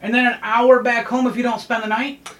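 A man's voice: very high voice, level tone, brisk, a bit bright, recorded from a distance. A man in his thirties hosting a casual chat, joking loosely and laughing often. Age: 30s. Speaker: podcast host.

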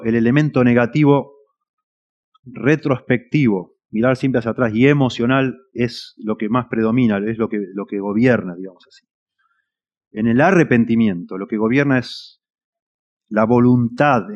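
An earnest man with a Rioplatense accent preaches a sermon at a middling pitch. He presses his points hard, swelling loud and then falling almost to a murmur. The recording is dull and lo-fi. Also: moderate pace. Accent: Rioplatense Spanish. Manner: earnest, emphatic, swells and drops in loudness.

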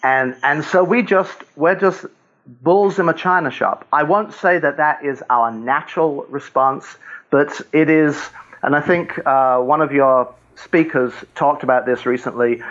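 An older man, a guest author, talking through his points in a relaxed conversational way about faith and fatherhood, with frequent chuckles. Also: a little high, a little slow, highs cut off.

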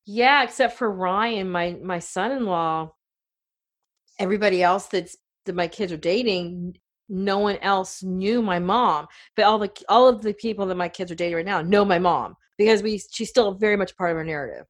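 A middle-aged woman co-hosting a radio talk show chats casually, sharing family stories full of fillers. Her voice is mid-range and her pace moderate.

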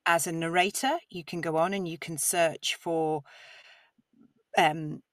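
Low-voiced woman, dry distant mic. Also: steady tone, unhurried, fairly bright tone, no room sound. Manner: enthusiastic, expansive explaining. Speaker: audiobook narrator, guest. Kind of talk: conversational podcast interview.

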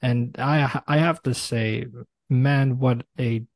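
A man from Brooklyn with an American accent, interviewing on a podcast in an effusive, halting way. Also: mid-range voice, fairly even intonation, dry recording. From Brooklyn, New York. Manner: effusive, halting delivery with repeated words.

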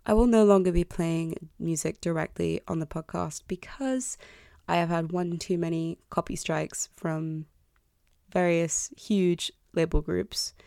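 Female podcast host, early 20s. Mellow and deep, self-deprecating and candid, recorded close and dry. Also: creaky, smooth, no room sound. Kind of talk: confessional solo podcast talk. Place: bedroom. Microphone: close podcast microphone.

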